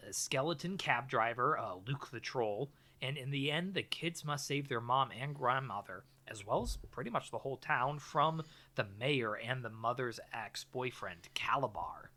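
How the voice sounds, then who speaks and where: A man talks casually as a podcast co-host. His voice has an average male pitch. He banters in a wry way. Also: normal speed, hardly any pauses, sharp tone. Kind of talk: casual comic chat and film recap.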